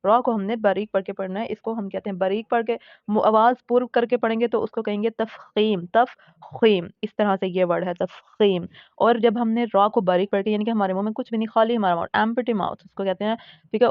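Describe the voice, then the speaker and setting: A woman's voice: mid-range voice, dry recording, muffled recording. Patient woman teaching Quran recitation rules. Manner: patient, repeats points and checks in with "theek hai"; slows down to sound out example words carefully. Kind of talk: explaining rules of a tajweed lesson.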